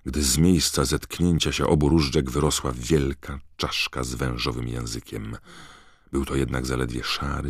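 A man reading a fantasy novel aloud as narrator, measured and even. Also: very deep voice, gravelly, slightly rough, no room sound, clean studio sound. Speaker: audiobook narrator. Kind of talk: scripted narration.

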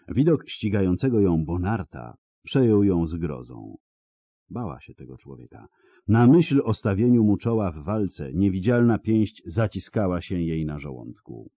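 A man reading a fantasy novel aloud as an audiobook narrator, in a dramatic, expressive storytelling manner. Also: low voice, no echo.

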